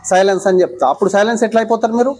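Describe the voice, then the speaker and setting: This woman speaks at a racing pace in a medium-pitched, slightly mellow voice with fairly even intonation. She is a visiting mindfulness teacher with a Telangana Telugu accent, drawing out young schoolchildren in class through many quick questions.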